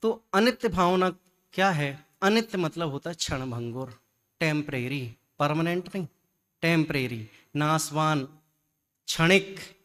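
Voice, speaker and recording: A man giving a religious discourse, lively and full of rhetorical questions and repetition. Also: fairly high pitch, unhurried. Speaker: Jain scholar giving a discourse.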